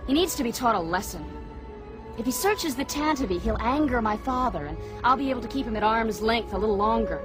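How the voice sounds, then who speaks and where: Woman as shrewd young princess, proud and assertive, fairly high voice, radio drama with music. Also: animated, fairly quick, lightly acted. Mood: slyly haughty. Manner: poised, assertive.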